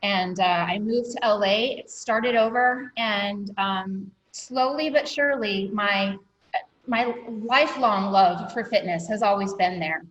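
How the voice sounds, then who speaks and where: A woman's voice: medium pitch, takes it slowly, a bit bright, highs cut off. A woman guest on an interview podcast, telling her story candidly with many ums and a catch of emotion in her voice. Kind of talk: reflective personal storytelling.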